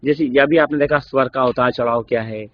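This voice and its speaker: A man with an Indian accent giving a classroom lecture, explaining slowly with many examples and rhetorical questions. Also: mid-range voice, fairly even intonation, a little hiss or hum. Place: classroom studio. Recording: dull lo-fi recording.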